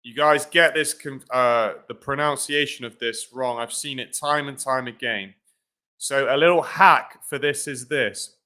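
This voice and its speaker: A man's voice: mid-range voice, unhurried, pushed and bright. A man teaching English pronunciation in a live-streamed lesson, talking informally and often checking in with "right?" and "guys" between fillers.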